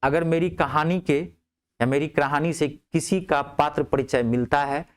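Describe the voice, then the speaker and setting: A male teacher with a slightly high voice tells a humorous story to his class. He talks in a chatty way and repeats phrases for effect. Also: a little slow, clean tone.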